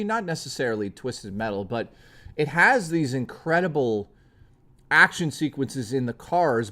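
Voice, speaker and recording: This live-streaming young man talks casually and eagerly with his audience, cursing frequently. His mid-range voice is hoarse and giving out.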